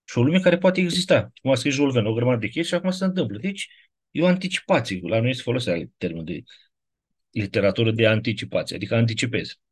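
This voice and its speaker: A man giving a casual classroom lecture, wandering off topic and often checking in with his listeners through quick rhetorical questions. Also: medium pitch, animated, slightly rough.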